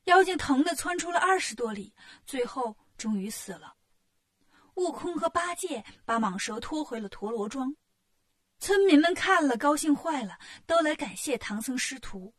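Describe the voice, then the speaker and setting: A woman reading a children's storybook aloud, narrating in a lively, expressive way. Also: sits high, normal speed.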